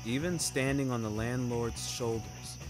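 A man with a mid-range voice narrates a scripted first-person story at a measured pace, wry, theatrical and ornate in manner. He's the narrator of a fiction podcast, with a music bed playing behind him.

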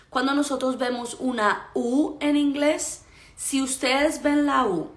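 A woman teaching English pronunciation in a lively way, often checking in with "ok?". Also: mid-range voice, echoey room. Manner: animated, repeats "¿ok?" to check understanding. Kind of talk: pronunciation lesson.

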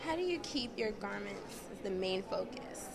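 A woman's voice: mid-range voice, animated, moderate pace, creaky. A young woman hosting a red-carpet fashion interview, upbeat and affirming, speaking into a handheld mic at a hotel event. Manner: upbeat, affirming, laughs often. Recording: crowd noise behind. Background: crowd chatter.

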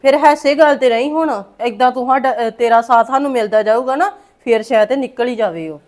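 A woman's voice: a little high, brisk, a little mellow, natural voice. A woman with a Punjabi accent playing a blunt homeowner in a short film, firing off probing questions.

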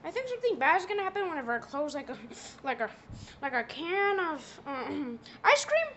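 A young man doing a squeaky foul-mouthed cartoon mouse. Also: sing-song, brisk, sharp tone, slight background noise, heavily acted. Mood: goofy. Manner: high squeaky put-on voice, swearing, drawling. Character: Mickey Mouse as a crude young cook, male. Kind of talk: comedy skit with a plush toy.

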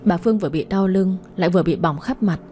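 A woman narrating a radio story in a calm, even reading voice. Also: on the low side, fast, a little hiss or hum.

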